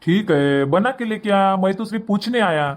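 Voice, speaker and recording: A man's voice: high-pitched, animated, normal speed. A man voicing a harried young husband in a cartoon, pleading and placating between his wife and mother. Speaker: son and husband.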